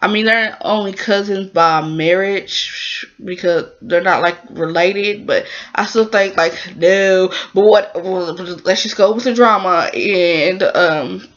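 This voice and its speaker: A woman's voice: medium pitch, slow pace. A woman casually recapping a drama episode in a rambling way, with plenty of fillers. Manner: rambling, many fillers, acts out the characters' lines. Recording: dull lo-fi recording.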